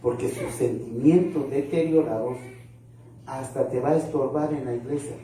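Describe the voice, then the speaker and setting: A man preaching a lively sermon, acting out churchgoers in raised voices. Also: normal speed, slight background noise. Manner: animated, acts out churchgoers in high voices, laughs through lines. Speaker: pastor. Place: church sanctuary. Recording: echoey church hall, far from mic.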